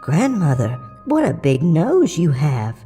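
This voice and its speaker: A man's voice: on the high side, wildly swooping pitch, slow pace, warm tone, soft background music, voice pushed up, exaggerated voice. A man voicing an innocent young girl who speaks timidly, slightly trembling, in a storybook horror tale.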